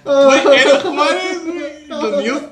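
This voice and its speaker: High Mexican man in a noisy, roomy space. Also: animated, unhurried, a crowd in the background. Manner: laughing, defends himself. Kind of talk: rowdy casual chat among friends.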